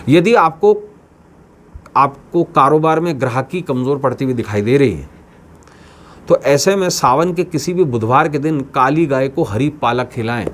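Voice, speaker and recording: A man's voice: mid-range voice, lively intonation, moderate pace. A man hosting his own channel as an astrologer, addressing viewers in a scripted talk with emphatic, repeated phrases. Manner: declaiming, with emphatic repetitions. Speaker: astrologer host.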